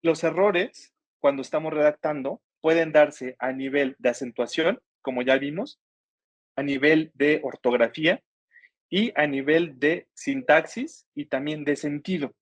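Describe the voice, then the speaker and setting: A man's voice: fairly high pitch, measured pace, no echo. A man teaching an online writing workshop, patiently explaining grammar step by step and asking his students questions. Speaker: workshop instructor.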